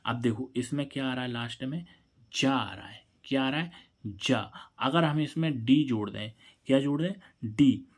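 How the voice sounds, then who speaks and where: In a classroom-style English spelling lesson, a man asks a question and then supplies the answer himself, spelling words letter by letter. His voice is mid-range and his pace moderate.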